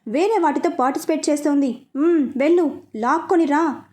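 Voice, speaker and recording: A woman's voice: sits high, brisk, a little mellow, close to an everyday voice. A woman voicing an arrogant, hot-tempered young fashion designer who talks in a bossy, snapping, scornful way in a storybook reading. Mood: angry, bossy.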